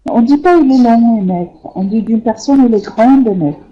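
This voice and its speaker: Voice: medium pitch, moderate pace, slightly rough, highs cut off. A French teacher with Arabic as a first language, correcting students' sentences in an online class, hesitant with many fillers and patient repetition. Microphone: computer microphone in an online class.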